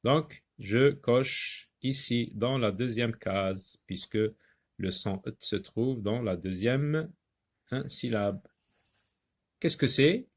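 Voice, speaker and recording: A man gives a reading lesson to young children in a slow, unhurried voice. He repeats each word several times and pauses often on long fillers. His pitch sits in an ordinary middle range. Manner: slow, patient, repeats words and syllables for learners; frequent hesitations with drawn-out fillers. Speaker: teacher.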